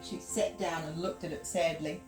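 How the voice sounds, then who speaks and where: A woman librarian with a New Zealand accent reading a picture-book story aloud to toddlers in an expressive storyteller voice. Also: low voice, moderate pace, faint music behind, rough recording. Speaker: children's librarian.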